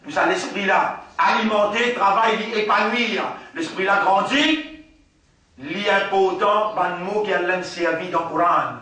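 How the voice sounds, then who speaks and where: Man, Mauritian accent, religious teacher, high voice, slow repetitive teaching, recorded from a distance with heavy echo. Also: pushed and bright. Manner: repeats words slowly, mixes French with Arabic recitation. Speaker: Islamic teacher. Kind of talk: religious lesson after dawn prayer. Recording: very echoey room, from a distance.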